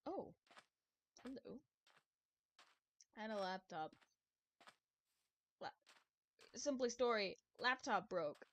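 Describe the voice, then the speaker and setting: A woman's voice: a little high, expressive, slow, long pauses, fairly bright tone, a little hiss or hum. A young woman streaming a game, chatting casually in a rambling, self-deprecating way, laughing often and swearing now and then. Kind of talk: casual gameplay commentary.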